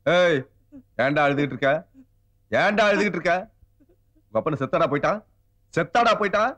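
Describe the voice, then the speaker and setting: An enraged, defeated politician. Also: male voice, fairly high pitch, lively intonation, a little fast. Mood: raging. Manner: shouting, scornful, commanding. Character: furious defeated male politician, ordering violence. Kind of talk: film drama acting.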